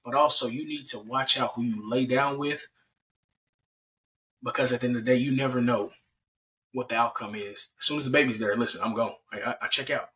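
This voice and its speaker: Bright, animated male podcast host. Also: mid-range voice, a little fast, far from the mic, poor audio. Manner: animated, with frequent restarts and repeats. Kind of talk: casual Bible talk.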